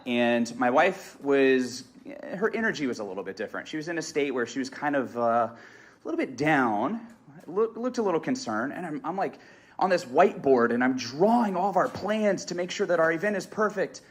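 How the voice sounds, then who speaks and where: A man in his thirties giving an energetic live motivational talk on a museum stage, speaking into a stage microphone. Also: fairly high pitch, brisk, husky. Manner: energetic, rallying the audience. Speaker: motivational speaker and martial arts instructor. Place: stage at an event venue in a museum.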